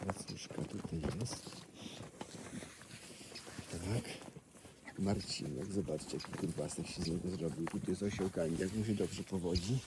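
A man's voice: low-pitched, a little slow, long pauses, heavy background noise. A man at an animal sanctuary, chatting fondly to donkeys and viewers as he walks through their paddock. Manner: affectionate, chatty, talks baby-talk to donkeys. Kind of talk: casual vlog talk to animals and viewers. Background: animal sounds outdoors.

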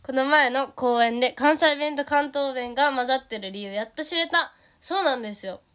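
A woman's voice: high-pitched, moderate pace, fairly bright tone, clean tone. Bubbly teenage girl with a Kansai accent. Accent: Kansai Japanese. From Japan. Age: teens. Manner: bubbly, giggly, easily delighted by comments. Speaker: idol streaming to fans. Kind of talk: casual livestream chat reading fan comments.

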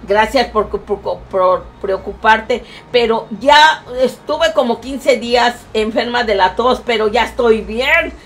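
A woman with a Mexican accent chats through a live stream, reading out viewers' messages. Her voice sits high, and she dotes on everyone in a grandmotherly way, breaking into loud excited cries now and then. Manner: doting, showers viewers with endearments like a grandmother.

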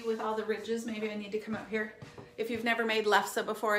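A woman's voice: on the high side, noisy background. A middle-aged woman hosting a live home cooking demonstration, chatting to viewers while she works at the counter. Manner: chatty and friendly, talks to viewers while working. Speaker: cooking show host. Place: home kitchen, indoors. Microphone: fixed camera across the counter. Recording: roomy kitchen echo.

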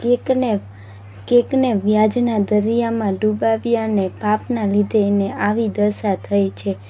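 A woman voicing the god Shiva, calm and commanding, who gives instructions in a measured, instructive way, on a dull lo-fi recording with faint noise. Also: medium pitch, husky.

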